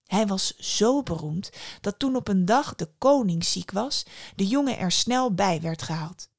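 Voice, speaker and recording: A woman narrates a fairy tale in a calm, close storytelling voice, slipping into chatty little asides. Her mid-range voice carries a steady gravelly fry. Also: mid-range voice, measured pace. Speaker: podcast host and storyteller.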